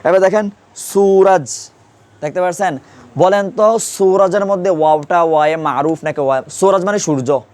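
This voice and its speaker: Questioning male teacher, higher voice. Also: a little fast. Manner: questioning students, repeating terms. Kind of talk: classroom grammar lesson.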